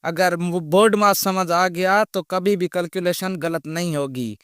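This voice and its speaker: A male math teacher walks through a problem at a very unhurried pace. His voice sits a little high and comes through smooth and clear. He keeps pausing to ask whether students follow. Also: fairly even intonation, fairly bright tone, no room sound, studio quality. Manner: slow, patient explaining with repeated check questions. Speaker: math teacher, channel host. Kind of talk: step-by-step math lesson.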